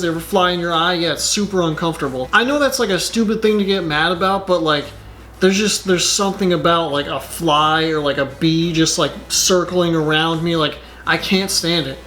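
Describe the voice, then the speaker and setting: A man's voice: high voice, bright, forceful tone. A man doing casual reaction commentary on his channel, rambling and exasperated, with lots of filler words. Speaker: YouTuber.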